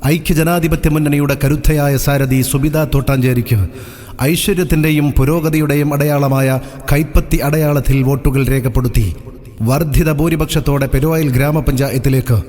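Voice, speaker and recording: A man giving a formal, oratorical election campaign announcement over an outdoor loudspeaker. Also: fairly high pitch, fairly even intonation, normal speed, big-room sound. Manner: formal, oratorical, pleading appeal.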